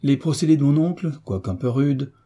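A man's voice: mid-range voice, expressive, brisk, mellow, pitched above the performer's own voice, natural voice. A man voicing an eager young man, the commander's nephew.

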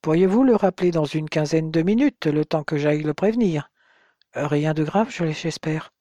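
A narrator voicing a gruff, curt older man, the father of the hero's friend, raising the voice a little for him. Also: mid-range voice, normal speed, mellow, no echo, studio quality, natural voice. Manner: terse, curt speech.

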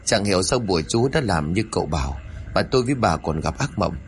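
A man voicing a stern, uneasy middle-aged husband who gruffly reassures his wife in a spoken horror story. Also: low voice, lively intonation, fast talker, slight background noise.

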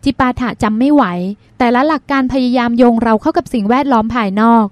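A calm woman doctor , voiced by a woman narrator, reasons things through in an audiobook. The voice is high-pitched, close and dry. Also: no room sound, close to an everyday voice. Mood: reasoning. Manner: measured and reasoning. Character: calm grown woman doctor, thoughtful and earnest. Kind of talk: audiobook dialogue.

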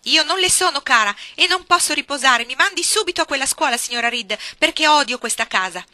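Woman reading a defiant little girl, loud and raised in pitch, very bright tone. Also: fairly even intonation, moderate pace, no room sound. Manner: passionate, outraged outbursts. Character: defiant young girl, angry and trembling.

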